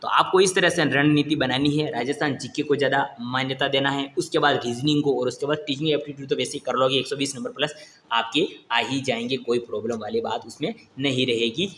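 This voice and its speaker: Echoey young coaching teacher. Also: male voice, medium pitch, fairly even intonation, a little fast, fairly bright tone, slight background noise. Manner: repeats "ठीक है ना?" to check understanding, encouraging. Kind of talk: casual coaching lecture.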